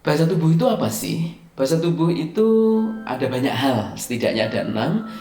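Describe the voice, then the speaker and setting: Brisk and expressive, a man with a mid-range, darkish voice walks through presentation skills in a recorded slide lecture. He leans on hesitant fillers and hits key words hard, recorded in an echoey room with faint music underneath.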